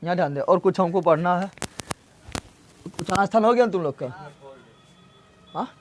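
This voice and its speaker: Guy teaching class, high voice, drills sounds out loud and quizzes the kids. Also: moderate pace, a little hiss or hum. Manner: drills syllables aloud, quizzes students, scolds them. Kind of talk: classroom grammar lesson.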